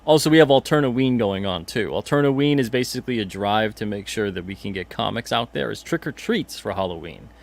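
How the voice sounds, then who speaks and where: A man hosts a casual livestream in a relaxed, rambling way, often repeating his own phrases. His voice sits on the lower side for a man. He talks straight into a desk mic. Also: a little fast, vocal fry, few pauses. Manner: chatty, rambling, repeats himself, reads chat comments aloud. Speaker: podcast host and comic publisher.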